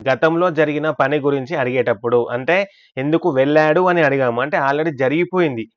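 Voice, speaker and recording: A man's voice: a little high, fast, no room sound, highs cut off. A man teaching English grammar in a scripted lesson, explaining step by step and asking and answering his own questions. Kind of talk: scripted language lesson narration.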